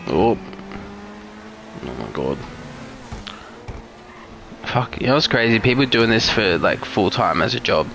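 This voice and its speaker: A man's voice: on the low side, very animated, measured pace, vocal fry, pauses often, sharp tone, slight background noise. A young man streaming a driving game live, chatting casually with viewers, swearing often and venting road rage. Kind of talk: live gameplay commentary.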